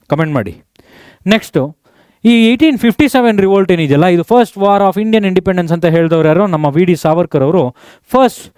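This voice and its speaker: A man teaches an exam revision lesson, firing quick questions at students and dropping English terms into his talk. His voice sits high and rings smooth and clear. It is recorded close and dry, with no room sound. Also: a little mellow, no room sound. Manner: mixes English terms into speech.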